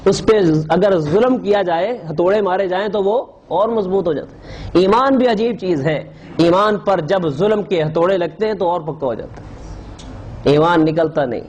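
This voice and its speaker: Man, preacher, emotional sermon storytelling, repeated exclamations, slightly high voice. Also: darkish tone, a little hiss or hum, poor audio.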